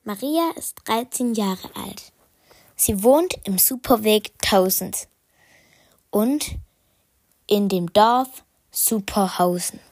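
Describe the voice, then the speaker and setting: A woman reading a children's story aloud, slowly and haltingly, correcting herself and sometimes whispering. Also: medium pitch, a little mellow, no echo, studio quality. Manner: slow, halting, self-correcting, partly whispered.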